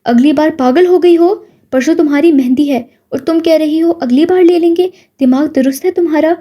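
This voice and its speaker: A woman voicing a bad-tempered middle-aged aunt who scolds angrily. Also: high voice. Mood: angry. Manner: angry, shouting, scolding.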